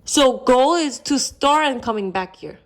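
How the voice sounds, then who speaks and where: Korean lady vlogging at home, kinda high voice, teasing and explaining stuff simply. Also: expressive, measured pace. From South Korea. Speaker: vlog host. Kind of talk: casual chat explaining food and a game.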